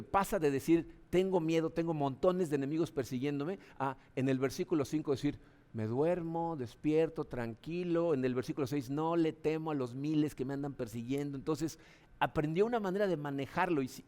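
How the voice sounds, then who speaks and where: A Mexican pastor, an adult man and father of children, preaches a sermon in a mellow voice with a Mexican Spanish accent. His style is conversational, full of "¿no?" tags, and he acts out voices with sudden jumps into a high pitch.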